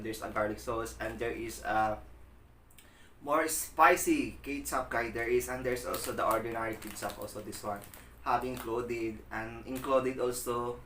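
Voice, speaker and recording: A man's voice: medium pitch, normal speed, sharp tone. A Filipino man, a native Tagalog speaker, chatting casually to viewers in simple, exclaiming English while eating crunchy fried chicken in a mukbang. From Philippines. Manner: exclaiming, repetitive praise of food in simple English. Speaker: mukbang vlogger. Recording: echoey room, faint background noise.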